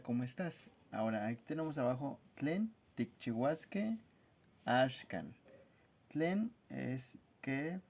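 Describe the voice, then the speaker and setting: Man teaching slowly. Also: medium pitch, darkish tone. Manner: slow, careful spelling out of words, friendly. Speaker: language teacher. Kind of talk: casual whiteboard lesson.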